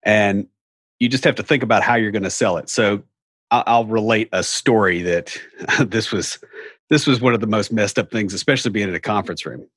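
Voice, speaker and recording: A man's voice: fairly low pitch, brisk, fairly bright tone, slightly rough, dry recording, clean studio sound. A middle-aged man with an Appalachian hillbilly accent, casually explaining things in a folksy, wry way with rambling asides. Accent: Appalachian hillbilly, Southern US.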